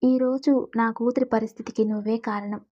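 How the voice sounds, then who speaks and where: A woman's voice: fairly high pitch, steady tone, normal speed, a little mellow, natural voice. A woman voicing a stern middle-aged father in a storybook drama, on a dull lo-fi recording.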